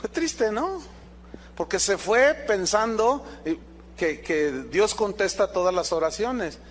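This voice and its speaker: A man, preaching a sermon as a pastor, animated and quizzing his congregation with rhetorical questions. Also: high voice, slow pace.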